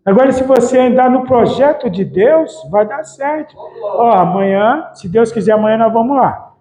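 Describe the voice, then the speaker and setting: A man's voice: very high-pitched, expressive, normal speed, dark tone, rough recording. A man preaching a casual, colloquial sermon as a pastor, chatting and acting out everyday speech. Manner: colloquial, chatty, mimics family members' voices. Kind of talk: informal sermon.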